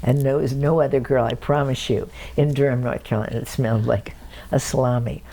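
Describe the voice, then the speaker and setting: A woman's voice: very deep voice, fairly quick, a little hiss or hum, low-quality recording. An older woman from Cleveland, telling family stories in an oral history interview and chuckling often. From Cleveland, Ohio, USA. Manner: lively anecdotal storyteller, chuckling often. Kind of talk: storytelling in an interview.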